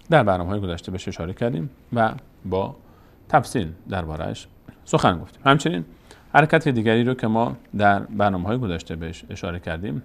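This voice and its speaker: A man with a slightly low voice delivers a calm, methodical lesson on reading the Quran. He speaks slowly and deliberately, spelling out the letters of the alphabet patiently, one at a time, in an instructional tone. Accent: Persian. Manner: slow, patient, deliberate explanation with drawn-out letter recitation. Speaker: Quran recitation teacher. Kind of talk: instructional lesson on Arabic vowel marks.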